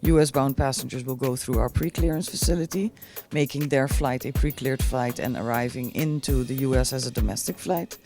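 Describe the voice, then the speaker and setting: A woman explains things in a measured, hesitant way as an airport executive being interviewed. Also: rumbling low. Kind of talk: on-camera promotional interview. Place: airport VIP lounge. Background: music.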